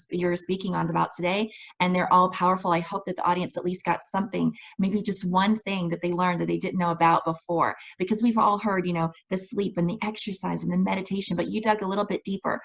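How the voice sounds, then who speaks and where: A woman's voice: lowish voice, gravelly, low-quality recording. A woman hosting a podcast interview, talking with effusive enthusiasm in a casual chat. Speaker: podcast host.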